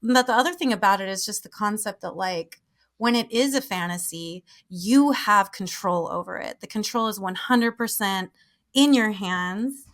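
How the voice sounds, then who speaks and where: Chatty woman podcast host, casual and laughing, mid-pitched. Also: normal speed, a bit bright. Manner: chatty, laughs often, many "like" fillers. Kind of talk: casual interview chat.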